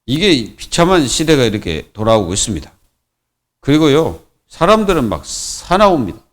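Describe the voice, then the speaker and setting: A man's voice: medium pitch, sing-song, moderate pace. A man preaching a Friday sermon as pastor, in a colloquial, repetitive way with many fillers. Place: church.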